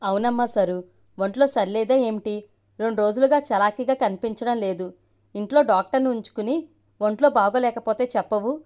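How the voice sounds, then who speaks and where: A woman reading the lines of a caring elderly mother in a family story, gently scolding. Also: fairly high pitch, normal speed, close to an everyday voice.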